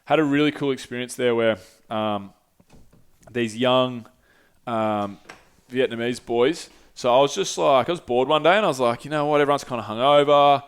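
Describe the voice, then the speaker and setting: Young Aussie guy, mid-pitched smooth voice, easygoing storyteller who rambles and swears. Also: normal speed. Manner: rambling, laid-back, swears freely, lots of fillers. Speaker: podcast guest telling travel stories. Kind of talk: casual storytelling.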